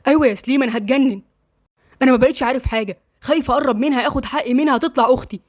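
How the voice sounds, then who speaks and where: A woman's voice: high-pitched, racing, no echo, clean studio sound. A woman voicing a stubborn, angry young Egyptian man. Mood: distraught.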